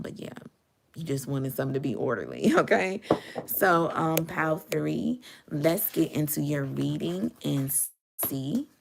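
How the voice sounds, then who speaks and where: A woman giving a casual tarot reading to her viewers, her voice raspy and hoarse from a dry throat, chatty and often checking in with the listener. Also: low-pitched. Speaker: tarot reader.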